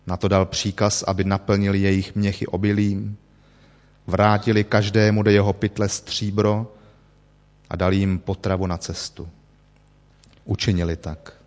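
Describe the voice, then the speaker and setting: A man giving a slow, measured liturgical Bible reading. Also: fairly low pitch. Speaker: scripture reader. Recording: long hall reverb.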